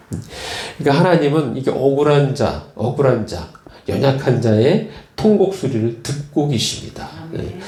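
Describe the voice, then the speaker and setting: A male pastor preaching a sermon, retelling stories slowly with frequent fillers and repeated words. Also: mid-range voice, dark tone, reverberant. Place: church.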